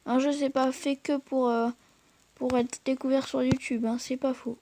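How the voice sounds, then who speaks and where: A woman's voice: high voice, level tone, normal speed, mellow. A woman hosting a gaming channel, chatting to viewers while she plays and stumbling over fillers and restarts. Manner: hesitant, full of fillers and restarts; chatty, addresses viewers directly. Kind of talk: gameplay commentary.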